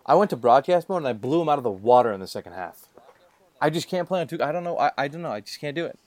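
A man's voice: fairly high pitch, sing-song, very fast, darkish tone, no echo. A man co-hosting a casual sports podcast, laid-back and rambling with fillers. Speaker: podcast co-host.

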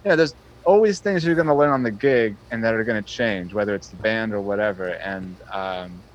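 A man with a lowish voice talks in an earnest, appreciative way, stopping and restarting his sentences as he asks a fellow musician about his craft. A faint ambient hum sits under his voice. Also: fairly quick, highs cut off. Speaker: interviewer, touring musician. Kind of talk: casual interview chat.

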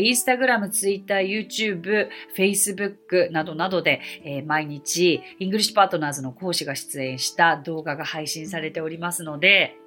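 A woman hosting a podcast as an English teacher, answering listener mail in a polite, chatty way and repeating English phrases slowly for practice. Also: medium pitch, bright, forceful tone.

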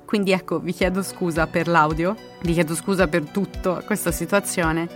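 A low-voiced woman hosting a podcast in a loose, chatty, apologetic way. Her voice comes through a makeshift low-quality recording made on a bedroom floor, with the mic hooked onto a headboard. Music sits behind her. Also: steady tone, moderate pace. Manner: apologetic, chatty, laughs easily. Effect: makeshift low-quality home recording. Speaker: podcast host. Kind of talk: casual chat. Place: former childhood bedroom at parents' home, sitting on the floor. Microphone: mic clipped to the bed headboard, held acoustic panels.

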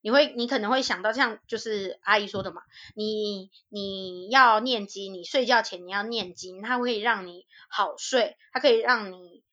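A young woman, co-hosting a podcast in casual chat. She tells stories lively, acts out quotes and laughs often. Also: medium pitch, moderate pace, hardly any pauses, highs cut off. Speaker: podcast co-host.

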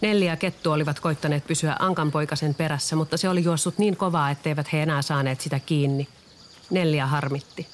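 A storyteller reading a children's storybook aloud in a calm, even way. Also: mid-range voice, slight background noise.

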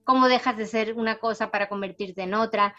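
Middle-aged woman, writer, accent half spanish half latin american, kinda high voice, muffled lo-fi audio, reflective storytelling. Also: steady tone, a little fast, soft background music. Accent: mixed Latin American and Spanish. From Spain, raised in Panama. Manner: warm storytelling, thoughtful, frequent tag questions. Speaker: writer, interview guest. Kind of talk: reflective interview answers.

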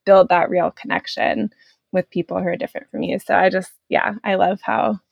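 A woman's voice: medium pitch, steady tone, normal speed, creaky, dry recording, dull audio. A woman explaining her views in a casual, conversational way, often hedging as she goes.

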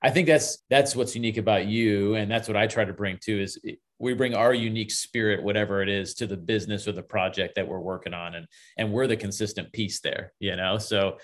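A man's voice: lowish voice, brisk, hardly any pauses. A man in his forties from Florida, telling his story as a guest in a casual interview, chatty and upbeat. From Florida, USA. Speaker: guest, real estate investor.

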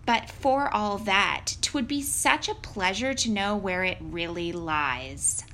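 A woman's voice: medium pitch, takes it slowly, pushed and bright, slight background noise, poor audio. A woman voicing a young fairy-tale princess in a sweet, coaxing, cartoon princess manner.

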